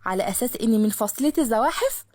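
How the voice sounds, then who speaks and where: A woman's voice: on the high side, lively intonation, rapid-fire, no room sound, clean studio sound, close to an everyday voice. A woman voicing a feisty, sarcastic twenty-two-year-old woman in an Egyptian Arabic accent. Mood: sarcastic indignant. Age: 20s. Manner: sharp-tongued, sarcastic, indignant.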